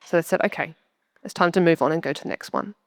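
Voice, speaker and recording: A young Australian woman with a lowish voice speaks fast as she's interviewed on stage at church, sharing a heartfelt testimony in a chatty, earnest way. The recording is dry and studio quality.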